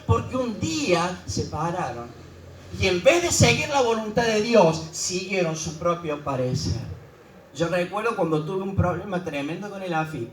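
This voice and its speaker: A man preaching a sermon as pastor, emphatic and repetitive, often dropping suddenly to a quiet tone. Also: high-pitched, animated, normal speed, echoey room, recorded from a distance, a little hiss or hum, poor audio.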